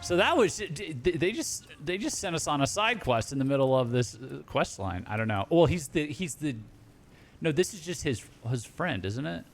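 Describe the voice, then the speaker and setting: A man's voice: fairly high pitch, expressive, normal speed, faint music behind. A man streaming a game, chatting casually, reacting and reading chat aloud.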